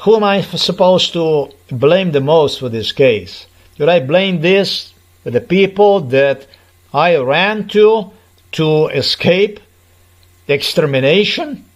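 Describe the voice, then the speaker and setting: Middle-aged man, slightly high voice, unhurried, aggrieved and insistent vlog monologue. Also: animated. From Slovenia. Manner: aggrieved, repetitive, emphatic. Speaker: vlogger. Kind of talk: personal monologue to camera.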